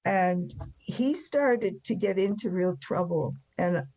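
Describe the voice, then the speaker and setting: A woman in her seventies or older, born in France and emigrated after the war, tells her personal story candidly in an interview, in a plain-spoken, matter-of-fact way. Her fairly low voice is expressive, slow, and mellow, and the highs are cut off.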